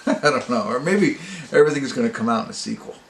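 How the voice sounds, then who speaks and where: An expressive, gravelly man of medium pitch speaks at a normal pace while hosting an off-the-cuff movie review as an amateur. He rambles and hesitates over his words; the audio has roomy echo and faint noise.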